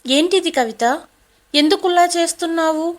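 A woman's voice: high-pitched, moderate pace, natural voice. A woman voicing a stern, protective elderly father in a storybook drama. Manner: stern, scolding.

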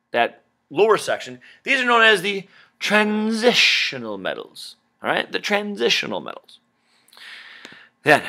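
Lively, bright-voiced man teaching science. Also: on the high side. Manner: lively, playful, stretches key words and does a nasal pinched-nose voice. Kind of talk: classroom lesson with repeat-after-me drills.

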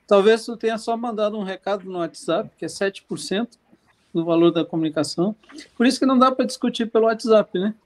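Chatting casually on a podcast he co-hosts, this man talks a little fast in a high-sitting, slightly mellow voice. He rambles with plenty of fillers and restarts.

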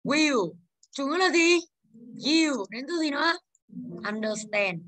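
Lady teacher in a classroom, high bright voice, keeps firing questions at the class. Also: lively intonation, slow pace. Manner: drilling, asks the class questions. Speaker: English teacher.

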